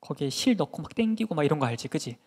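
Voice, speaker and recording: A man, a children's pastor, telling a Bible story in a lively sermon and asking the children questions. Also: on the high side, fast, husky. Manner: animated, asks children questions.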